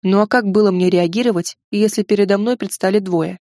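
A woman's voice: mid-range voice, fairly even intonation, a little fast, warm tone, no echo, clean studio sound. A woman narrating a first-person fantasy audiobook in a wry, ironic storytelling manner.

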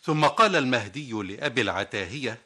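A man's voice: mid-range voice, lively intonation, fast, bright, forceful tone, husky. A man presenting a scripted radio literary program in formal classical Arabic, telling anecdotes and quoting verse.

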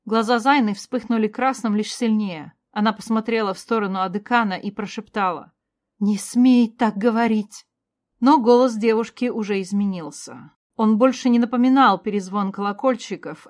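A woman reading a first-person fantasy story aloud in a steady, clear voice. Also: mid-range voice, moderate pace. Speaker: narrator.

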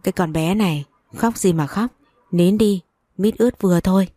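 A woman's voice: mid-range voice, normal speed, dark tone, no room sound, clean studio sound, natural voice. A woman voicing a harsh, scheming older mother-in-law who scolds and commands in a storybook reading. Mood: coaxing.

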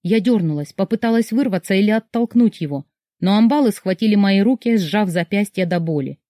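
Female audiobook narrator for a tense first-person novel; middle-pitched, dry studio sound. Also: lively intonation, a little fast, dark tone, no echo.

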